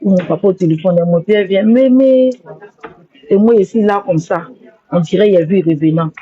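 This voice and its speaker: A woman's voice: mid-range voice, moderate pace, mellow, breathy edge. A woman speaking on a live stream, rambling and repeating herself as she apologizes with emotion. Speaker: social media livestreamer. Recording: dull lo-fi phone audio.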